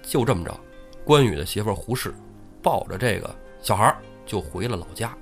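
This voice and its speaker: A man tells an old tale in a chatty podcast style, checking in with his co-host as he goes. His delivery is fast and his pitch swings widely. Faint music plays underneath. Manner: animated, chatty, asks listener for agreement. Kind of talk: casual storytelling.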